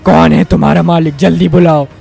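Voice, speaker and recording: A man's voice: fairly high pitch, steady tone, brisk, vocal fry, warm tone, breathy edge, soft background music, heavily acted. A man voicing a weakened, frightened Hulk in a game story, panicky and pleading. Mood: defiant.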